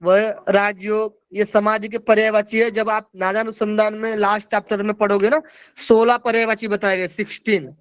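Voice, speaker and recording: A man's voice: high-pitched, flat delivery, normal speed, smooth, no echo, muffled recording. A man teaching a yoga class over a video call. He explains each verse and keeps checking in with his listeners. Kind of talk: online class lecture.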